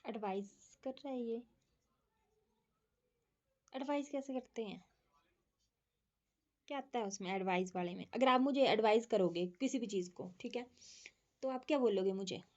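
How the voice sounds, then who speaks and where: A woman with a fairly high voice teaches an English grammar class over an online call. She explains each point step by step and keeps checking that her students follow. The sound comes through dull and lo-fi. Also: moderate pace, pauses often, darkish tone.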